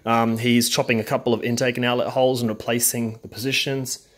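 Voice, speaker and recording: A man's voice: medium pitch, flat delivery, a little fast. A man talking casually through his car repair work in a home garage, rambling with lots of ums. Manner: rambling, many ums, plain-spoken. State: out of breath. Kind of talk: casual workshop vlog.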